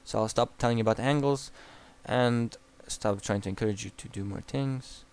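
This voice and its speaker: In replay-analysis commentary, a young man speaks with a Croatian accent in a smooth, darkish, mid-range voice at normal speed. He coaches the player bluntly, swears casually and keeps restarting his sentences.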